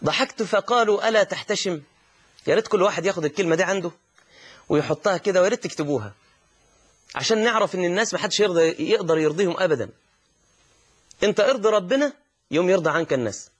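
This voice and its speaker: Emphatic Egyptian preacher, raised voice. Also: male voice, high-pitched, expressive. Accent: Egyptian Arabic. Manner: slow, emphatic recitation of verse mixed with colloquial asides. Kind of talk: sermon.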